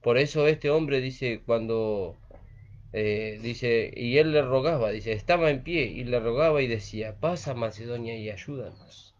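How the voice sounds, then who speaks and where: Earnest preacher, lo-fi sound. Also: male voice, medium pitch, measured pace. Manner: earnest, repeats phrases with frequent "¿vio?". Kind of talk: sermon. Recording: dull lo-fi recording.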